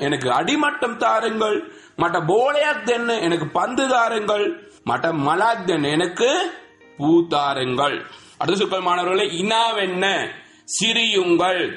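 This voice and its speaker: A man teaching a spoken language lesson to schoolchildren, drilling word lists slowly and repeating them. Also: high-pitched, a bit bright. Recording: echoey room with faint music.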